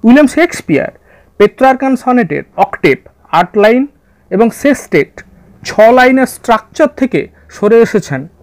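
High-voiced man reading a dry lecture. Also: sing-song, no room sound. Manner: measured, orderly reading addressed to students. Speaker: literature teacher. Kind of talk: scripted explanatory lecture narration.

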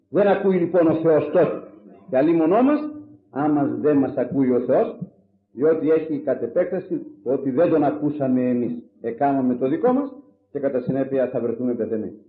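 A man preaching a sermon in an animated, rhetorical way, swinging from loud exclamations to low asides. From Greece. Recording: echoey, phone-like lo-fi recording.

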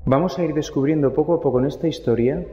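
A man's voice: a little high, fast, dark tone, roomy sound, big-room sound, highs cut off, a little hiss or hum. A young adult man, a priest, giving a homily in a conversational way and putting questions to his listeners. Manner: conversational, asks the congregation questions.

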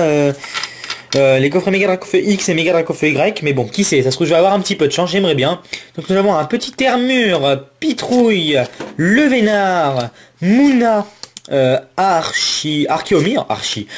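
Excitable man narrating a card-opening vlog. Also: high voice, slight background noise. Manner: excitable, exclamatory, addresses viewers as friends; lists card names in a running commentary.

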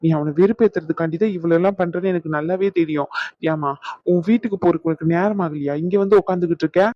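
A man's voice: high-pitched, quick pace, no echo, lo-fi sound, close to an everyday voice. A man voicing a timid, wary elder brother in a cartoon, grumbling nervously.

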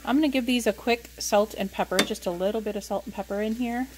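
Talking fast in a slightly high voice, a woman from the United States hosts a laid-back home cooking video and chats as she cooks. Her tripod-mounted camera captures plenty of kitchen noise.

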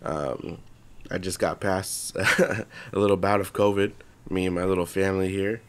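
This podcast co-host is a young man who sounds congested, with a low, smooth voice, a level tone and normal speed. His casual talk rambles, full of curses and restarts.

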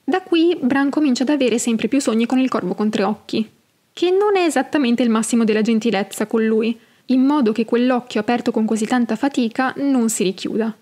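A woman hosting a podcast, narrating and explaining fantasy lore in a measured, explanatory way. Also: a little high, mellow. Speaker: podcast host.

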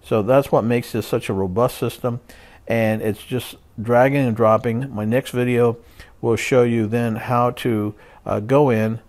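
A man's voice: medium pitch, fairly even intonation, a little slow, darkish tone. A man with an ordinary mid-range voice talks through a technical setup in a casual tutorial. He checks in often with "okay" and "all right". He restarts phrases and fills gaps as he explains. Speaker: tutorial presenter. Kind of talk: casual screen-share tutorial.

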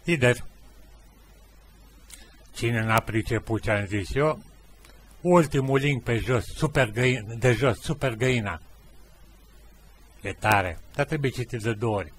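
A middle-aged podcast host with a Romanian accent tells rambling anecdotes in a casual monologue, acting out the dialogue. His voice is mid-range, he pauses often, and there is slight background noise.

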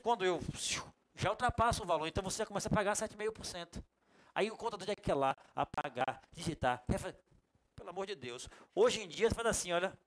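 Lively, high-voiced Brazilian man teaching. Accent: Bahian Brazilian Portuguese. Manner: lively, jokey, talks to the class. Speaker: computer course teacher. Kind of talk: classroom lecture.

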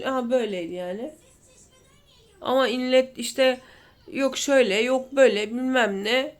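Woman vlogger pouring her heart out, kinda high voice, rambling and teary. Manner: emotional, rambling, on the verge of tears. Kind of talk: confessional vlog chat.

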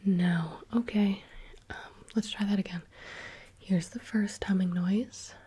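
A woman speaks almost entirely in a soft, unvoiced whisper, very breathy and airy. Her tone is dark and mellow, and she coaxes patiently like an examiner running simple tests. She sounds right up against the microphone, as if leaning in by the ear. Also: mid-range voice, fairly even intonation, slow pace. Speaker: roleplay examiner giving eye and hearing tests. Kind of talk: ASMR roleplay. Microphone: close mic, leaning near the ear.

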